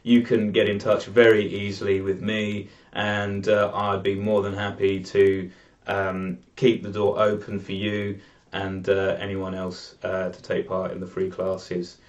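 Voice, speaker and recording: A man hosting a live online drawing class, talking in a relaxed, rambling way with many fillers, over dull video call audio. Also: sits low, unhurried. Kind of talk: casual live class introduction.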